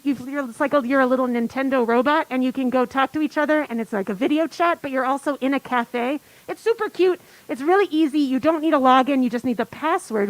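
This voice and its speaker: A woman's voice: high-pitched, no room sound, rough recording. A woman organizer making rambling, bubbly, self-deprecating conference announcements. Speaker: event organizer.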